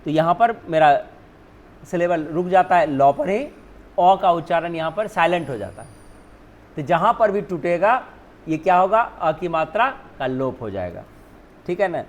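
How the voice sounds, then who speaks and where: A man's voice: on the high side, sing-song, a little slow. A male teacher whose first language is Hindi, explaining spelling rules step by step, often asking and then answering his own questions. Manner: repeats "ठीक है ना", asks and answers own questions.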